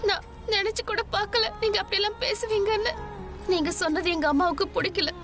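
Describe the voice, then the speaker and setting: Brief: woman playing polite, hurt young woman in a dubbed soap, high-pitched. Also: normal speed, close to an everyday voice. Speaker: lead character in a dubbed serial. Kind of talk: dubbed TV serial drama. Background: background music.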